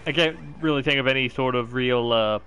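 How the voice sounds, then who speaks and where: A man's voice: medium pitch, fairly quick. Giggly young man chatting over game noise. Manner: giggly, rambling, laughs often. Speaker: gaming channel host. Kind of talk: casual gaming chat. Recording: game sounds loud behind.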